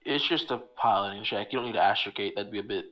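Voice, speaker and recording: A man running a tabletop game as game master, explaining rulings in a relaxed, plain way. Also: on the low side, fast talker, rough recording.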